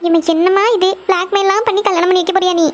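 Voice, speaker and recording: A woman's voice: very high voice, level tone, rapid-fire, lo-fi sound. A woman voicing a meek young daughter, pleading and protesting with her mother.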